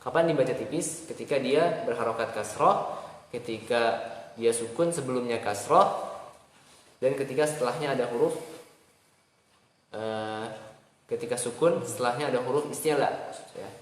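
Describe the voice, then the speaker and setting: A man's voice: medium pitch, moderate pace, pauses often. Echoey male Quran recitation teacher. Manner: patient, repeats syllables aloud for students to copy. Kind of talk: teaching pronunciation, demonstrating sounds. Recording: echoey room with faint noise.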